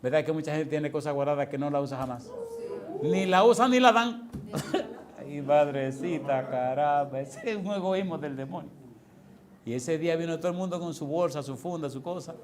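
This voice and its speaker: A middle-aged male pastor, telling stories in a lively, animated sermon full of exclamations and chuckles. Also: fairly high pitch, fairly quick. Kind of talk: storytelling sermon.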